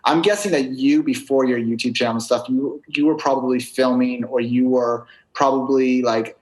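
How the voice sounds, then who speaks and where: A man's voice: medium pitch, steady tone, moderate pace, poor audio. A man chatting casually as a podcast guest, slangy, peppering his talk with "like", "right" and "bro". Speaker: podcast guest, video creator. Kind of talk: casual chat.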